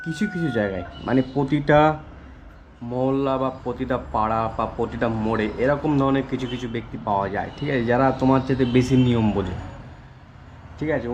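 Rambling rider vlogging. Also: male voice, medium pitch, a little mellow, lo-fi sound, a little hiss or hum. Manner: rambling, keeps saying "okay" as a filler. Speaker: food delivery rider vlogger. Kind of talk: casual vlog talk to camera.

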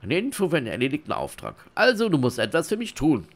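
A man reading game dialogue aloud in character as a shifty, smooth-talking male smuggler innkeeper, with theatrical, wheedling, mock-innocent delivery. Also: a little high, huge pitch swings, fast, voice pushed up, heavily acted. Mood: sly.

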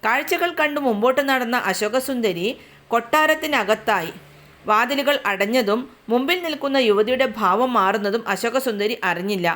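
A woman narrates old myths in scripted, literary sentences. She keeps a measured pace. Her voice sits fairly high. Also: a bit bright. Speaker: storyteller. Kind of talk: scripted narration of mythic tales.

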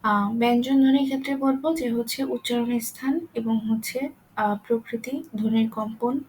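A woman's voice: fairly high pitch, fairly even intonation, a little fast, a little mellow, slight background noise, rough recording. A woman giving a grammar lesson, explaining steadily with fillers and sounding out each example. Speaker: teacher.

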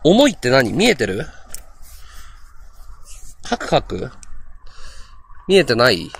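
Man live-streaming, ghost hunt, restless, lively pitch, faint outdoor hiss, handheld mic. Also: slow, gravelly. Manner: frustrated, restless, talking to viewers. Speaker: livestreamer. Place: outdoors at an abandoned hotel at night.

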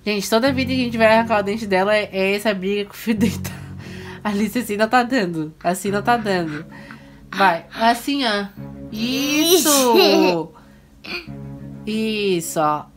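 A woman's voice: medium pitch, normal speed. A woman in her thirties, a mother filming her daughter at home from behind the camera, chatty and instructive as she coaxes the child and talks to viewers. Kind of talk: casual family vlog talk to viewers. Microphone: camera mic, speaking from behind the camera. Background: background music.

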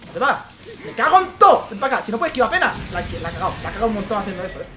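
Excitable Spanish gamer guy, high lively voice. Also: very fast, music in the background. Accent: Spain. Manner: excitable, frequent swearing and exclamations. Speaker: gaming channel host. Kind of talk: let's play commentary.

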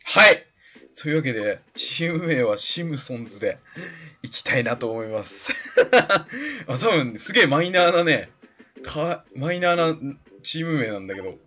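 A man's voice: mid-range voice, big pitch swings, moderate pace, pushed and bright, slightly rough. A man giving chatty, laughing commentary while playing a video game. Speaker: let's play commentator. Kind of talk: casual gameplay commentary. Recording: slightly dull lo-fi recording with faint game music.

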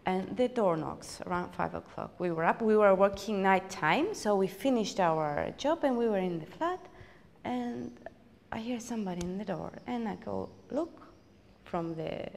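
A woman recounts a painful chapter of her life for a documentary, pausing and restarting as she searches for words. Her mid-pitched voice has a gravelly, fried edge. The recording carries a long, hall-like reverb. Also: animated, a little mellow. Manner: reflective, hesitant, with frequent restarts. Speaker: documentary interviewee. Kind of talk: personal storytelling interview.

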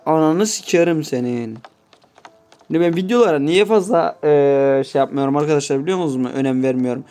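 A man's voice: on the high side, a little fast, dark tone, clear, resonant tone. A man giving casual gameplay commentary, swearing constantly and grumbling to his viewers in mock-offended asides. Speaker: gameplay YouTuber.

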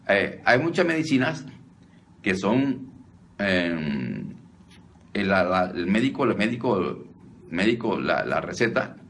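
Speaking in a lowish, slightly bright voice over a faint hiss or hum, a man gives a conversational teaching on deliverance. As a deliverance preacher, he keeps addressing listeners as brother, repeats himself, and starts sentences over often.

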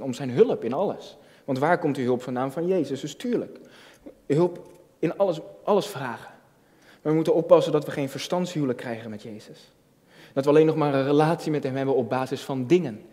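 A man's voice: medium pitch, mellow. Dutch-style preaching man, hall reverb. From Netherlands. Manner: conversational preaching, many restarts, building to emphatic peaks. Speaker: youth pastor. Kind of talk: sermon.

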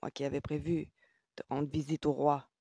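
A woman voicing a feverish young man who speaks softly, with a wry, hushed manner, in an audiobook. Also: deep voice, flat delivery, normal speed, slightly rough, dry recording. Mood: joking. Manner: soft, hushed, half-whispered. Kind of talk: audiobook character voice.

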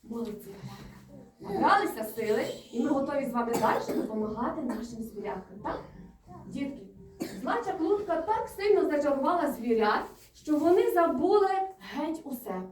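A woman's voice: high voice, sing-song, brisk. A woman preschool teacher reading riddles, praising and guiding small children through a lesson and chanting rhymes. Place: kindergarten classroom. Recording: roomy, far from the mic, with music behind.

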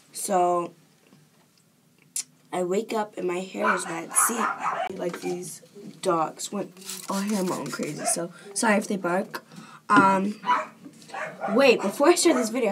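A teenage girl chatting casually to camera in a home vlog, rambling with lots of fillers. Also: medium pitch. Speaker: vlogger. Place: home bedroom. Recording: noisy home recording, dogs barking. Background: dogs barking.

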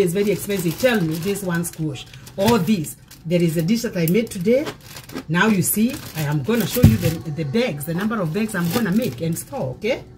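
A woman's voice: medium pitch, background noise. A middle-aged woman, a pastor, talking through a cooking demonstration in her home kitchen, encouraging and often repeating phrases for emphasis. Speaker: pastor hosting a cooking show. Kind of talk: casual cooking demonstration with preaching.

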